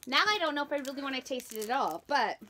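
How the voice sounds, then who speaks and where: A young woman hosting a casual snack taste-test vlog, reading the package descriptions aloud in a halting way. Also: high-pitched, expressive, sharp tone, slight background noise. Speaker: vlogger.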